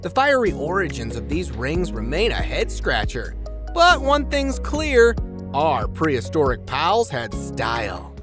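Lively man narrating over music. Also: fairly high pitch, a little slow. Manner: playful, slangy countdown narration. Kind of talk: scripted documentary narration. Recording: music bed under the voice.

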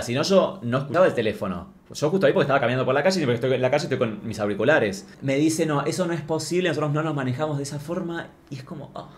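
A man with an Argentine accent telling a comic story as a streamer, ranting in a crude, sarcastic way. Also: mid-range voice. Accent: Argentine Spanish.

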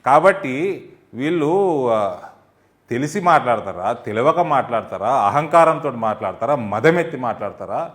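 A man's voice: medium pitch, animated, moderate pace, fairly bright tone. A man, a party spokesman answering in a heated political interview, scolding and sarcastic, firing rhetorical questions.

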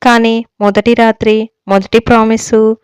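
A shy young bride with a teasing, coaxing way of asking for things. A woman plays her in a storybook reading, her voice a bit high and very clear. It is recorded close with no room around it. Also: flat delivery, a little slow, no room sound, natural voice. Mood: coy. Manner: coy, gently coaxing.

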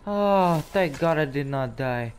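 A man's voice: mid-range voice, unhurried, a little hiss or hum. Swearing man playing a game. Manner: profane, frustrated outbursts. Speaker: gameplay streamer. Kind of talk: casual gameplay commentary. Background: loud game music.

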